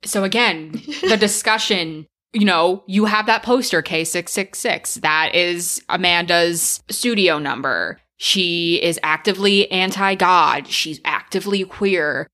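Woman, low-ish voice, casual podcast co-host, excitable and emphatic. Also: unhurried. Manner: excited, emphatic, swears freely. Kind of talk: casual film discussion.

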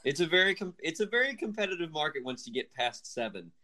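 Bright-voiced young man chatting enthusiastically. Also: on the high side, big pitch swings, fast talker. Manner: rambling, enthusiastic, self-deprecating with laughs. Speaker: podcast co-host. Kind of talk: casual podcast chat.

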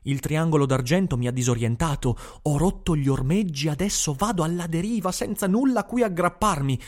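A man's voice: fairly high pitch, lively intonation, brisk. A man voicing an anxious, disoriented middle-aged official in an audiobook. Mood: bewildered.

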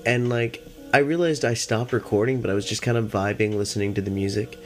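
Low-voiced stoned man, slangy podcast rambler. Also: steady tone, fairly quick, music in the background. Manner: laid-back stoner drawl with slangy, rambling delivery; heavy casual swearing. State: high on cannabis. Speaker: podcast host. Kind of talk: casual solo podcast chat.

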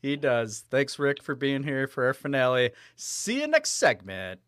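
A man's voice: medium pitch, huge pitch swings, unhurried, fairly bright tone, smooth. A man co-hosting a sports podcast in casual, chatty talk, laughing easily. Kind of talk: casual sports betting chat.

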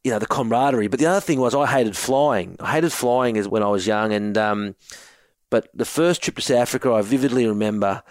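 Australian man, 40s, co-host; laid-back joking storyteller, mid pitch, dry recording. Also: fairly quick, no echo. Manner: jokey yarn-spinner, says mate often. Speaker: co-host, former rugby forward. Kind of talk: casual chat, storytelling.

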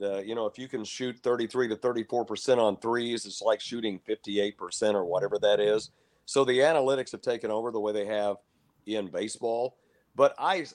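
An older man from Texas, a longtime basketball broadcaster, giving measured, opinionated answers as a guest in a casual interview, with no regional accent. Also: mid-range voice. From Lubbock, Texas.

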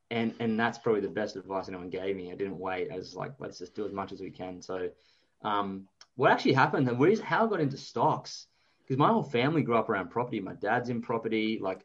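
With the highs cut off, the recording captures a fairly low-pitched man in his thirties. An Australian investor and author, he's an interview guest who talks informally and loves a good anecdote.

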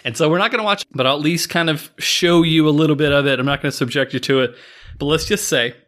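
A man's voice: fairly high pitch, fast talker, fairly bright tone. A man in his thirties hosting a show, casually chatting and recapping clips. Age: 30s. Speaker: podcast host.

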